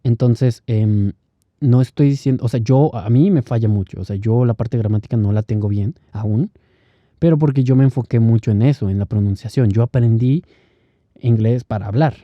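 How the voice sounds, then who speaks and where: Guy rambling on his own podcast, thinking out loud, dry muffled lo-fi sound. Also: medium pitch, normal speed, no room sound. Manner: loose, thinking aloud, laughs between points. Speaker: podcast host. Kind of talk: solo podcast monologue. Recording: dry, slightly muffled lo-fi recording.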